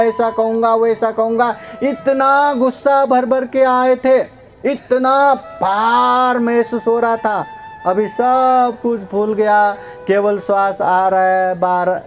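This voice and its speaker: A Buddhist monk gives a storytelling sermon in a high, light voice. He speaks slowly and repeats his phrases, often pausing to check in with his listeners. Soft music plays faintly behind him.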